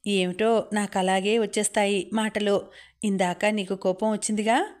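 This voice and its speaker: A female audiobook reader voices a playful, chatty young woman in a narrated story who enjoys teasing her friend. The character's delivery is light and unhurried, lightly acted, in an even, level voice of middling pitch, with a teasing mood.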